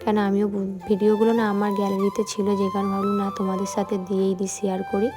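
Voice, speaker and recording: A woman's voice: mid-range voice, monotone, fast, music in the background. A young woman narrating her home vlog in a chatty way, talking straight to her viewers. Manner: chatty, addresses viewers directly. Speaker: vlogger.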